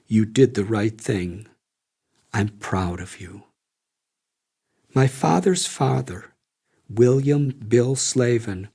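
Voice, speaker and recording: A man reading a memoir aloud as an audiobook narrator, measured and reflective. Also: medium pitch, vocal fry, breathy edge. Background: soft guitar music.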